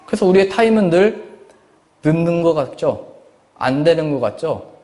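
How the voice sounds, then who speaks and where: Male pastor, high voice, expressive sermon delivery that leans on rhetorical questions. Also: normal speed, long reverb tail. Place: church service.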